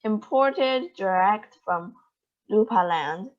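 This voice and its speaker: Reading a storybook, a woman voices an eccentric, boastful male owner of a chocolate factory with exuberant, theatrical flair. Her voice is a little high, lively in intonation and unhurried. The recording is dull and lo-fi.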